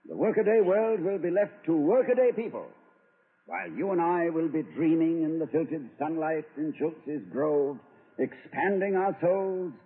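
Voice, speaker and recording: An actor playing a whimsical, pompous middle-aged college president, talking in playful, flowery phrases in a 1940s radio comedy. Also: male voice, a little high, normal speed, breathy edge. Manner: grandiloquent, playful, poetic flourishes. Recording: tinny old radio broadcast.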